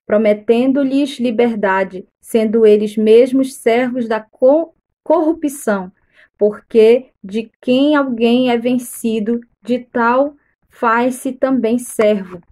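A missionary woman with a mellow, slightly high voice reads Scripture on a live stream at a slow, deliberate pace. She pauses now and then to point out verses for listeners to mark.

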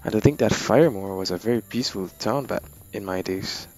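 A man's voice: lowish voice, brisk, darkish tone, close to an everyday voice. A man voicing a nervous, chatty old woman customer who rambles on fretfully.

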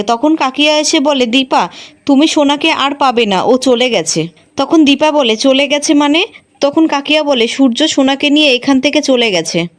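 A woman retelling a television serial episode as a story, reading every character's lines herself in a plain storytelling voice. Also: high voice. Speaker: serial recap narrator. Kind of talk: scripted storytelling recap.

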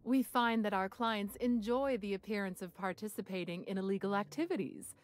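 A woman's voice: medium pitch, a little fast, natural voice. An actress voicing a sly, discreet woman who runs a secret venue in a game, talking in a coy, conspiratorial, dryly smug way. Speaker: game character, gallery receptionist.

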